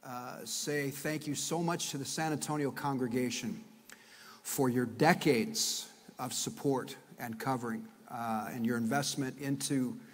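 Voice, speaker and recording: A man giving a guest sermon at a pulpit microphone in a large church sanctuary. He builds from soft thanks to loud, emphatic preaching. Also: mid-range voice, fairly even intonation, unhurried. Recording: long church-hall reverb.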